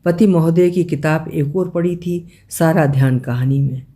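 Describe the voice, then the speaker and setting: A woman reading a story aloud in a gentle, measured way. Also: deep voice. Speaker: story reader.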